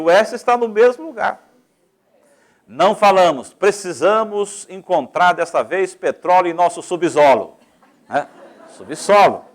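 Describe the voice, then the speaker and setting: A man with a Brazilian Portuguese accent, speaking in a slightly high register as he teaches. He lectures in a didactic way, walking through points one at a time and letting his loudness and speed rise and fall as he goes. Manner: varies volume and pace freely, explains step by step.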